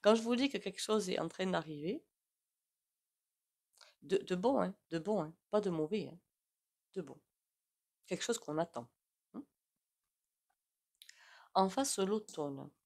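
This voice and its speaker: A woman's voice: fairly low pitch, expressive, measured pace, vocal fry, pauses often, a little mellow. A woman with a regional French accent giving a casual, rambling tarot reading to her viewers, with frequent "hein" asides. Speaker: tarot reader.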